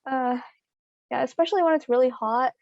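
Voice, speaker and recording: A woman's voice: high-pitched, a little fast, a little mellow, no echo, lo-fi sound. A young woman conducting an informal interview in a hesitant, casual way, with many filler "likes".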